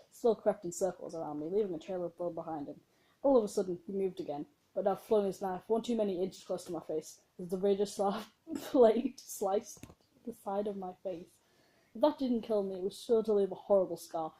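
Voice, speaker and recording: A woman with a warm, mellow voice reads a homemade story out loud. She keeps it casual, giggles often, and adds self-mocking asides. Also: medium pitch, a little fast, low-quality recording. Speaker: reader of her own story.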